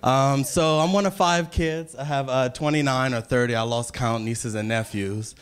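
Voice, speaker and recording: A man's voice: mid-range voice, moderate pace, smooth. Guy doing stand-up at a club, brash storytelling, medium voice, into a stage mic. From Louisiana, USA. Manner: brash, storytelling, punchy asides. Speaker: stand-up comedian. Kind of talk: stand-up comedy set.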